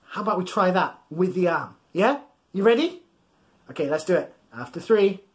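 A high, expressive voice belongs to a man in his thirties reading to young children in a small home room full of soft toys. As a bedtime storyteller, he is playful, exaggerated and encouraging, posing questions and pausing for his listeners.

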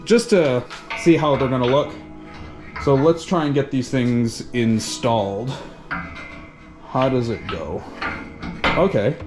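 A Canadian man with a mid-range voice, a fitness vlogger, unboxes and sets up equipment in his home gym. He's relaxed and chatty, restarting himself here and there as he works.

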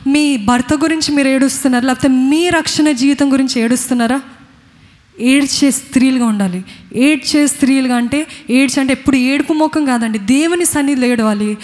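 A woman's voice: high-pitched, brisk, darkish tone. A woman with a Telugu accent preaching a sermon, earnestly questioning her congregation. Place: church. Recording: long hall reverb.

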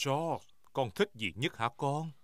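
A man's voice: mid-range voice, expressive, takes it slowly, a bit bright, slight background noise. An actor playing a kindly, easygoing father pig in a dubbed preschool cartoon. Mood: kindly, jolly. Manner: fatherly, encouraging.

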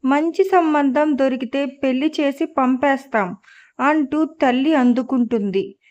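A woman narrating a story aloud as a scripted audiobook reading, in a slow, measured way. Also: high voice, darkish tone, highs cut off.

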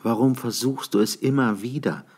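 A man's voice: medium pitch, normal speed, a little mellow, husky, voice pushed up, close to an everyday voice. A man voicing a grieving female talking mare who pleads with her lover in an audiobook. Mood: tearful. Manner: pleading, tearful.

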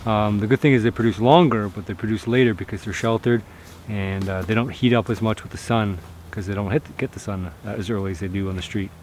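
A Canadian homesteading vlogger chats easily to a handheld camera held at arm's length, walking through snowy woods and fields with plenty of fillers and restarts. His voice is fairly low with fairly even intonation, he talks fast, and there's background noise.

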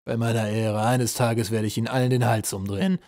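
A man's voice: medium pitch, steady tone, fairly quick, a little mellow, no room sound, studio quality, close to an everyday voice. A man voicing a cruel goblin general who interrogates a prisoner in a harsh, threatening, relishing tone. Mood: menacing.

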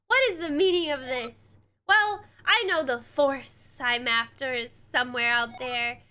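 A woman's voice: high-pitched, unhurried, bright, forceful tone, clear, resonant tone. A woman voicing a menacing, power-hungry villain sorcerer in a video game.

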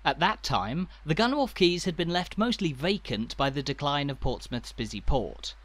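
A man narrating a walking tour in a measured, informative way. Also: on the high side, lively intonation, a bit bright, no echo. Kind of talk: scripted narration.

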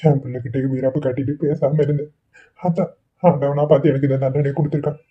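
A man plays an ailing village father in a cartoon, begging forgiveness in a slightly high, husky voice. The sound is thin and tinny, like a phone line. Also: fairly even intonation, fast. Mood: remorseful. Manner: tearful, pleading apologies. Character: ailing remorseful village father, middle-aged. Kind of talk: Tamil cartoon voice acting.

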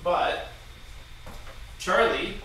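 A young man in his twenties hosting a casual livestream from a home kitchen, relaxed and laughing as he reads viewer messages, heard from a far camera. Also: high voice, drawn-out words. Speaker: host. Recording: echoey kitchen from a distance, loud noise.

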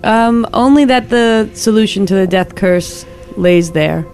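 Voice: medium pitch, measured pace, a little mellow, soft background music. A tabletop player asking questions in a hesitant way. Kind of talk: casual tabletop play.

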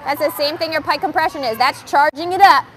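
A young woman coaching kids in a gymnastics gym, explaining stations calmly to viewers and calling out loudly to the girls. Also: sits high, fairly quick, a little hiss or hum. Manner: upbeat, switches between calm explaining and loud calls to the kids. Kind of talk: live coaching demo addressing kids and viewers. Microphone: wearing the microphone.

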